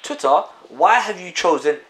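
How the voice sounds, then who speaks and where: A man talking fast and insistently in a casual chat, tagging his lines with "yeah". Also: high voice, expressive, a crowd in the background. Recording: roomy echo.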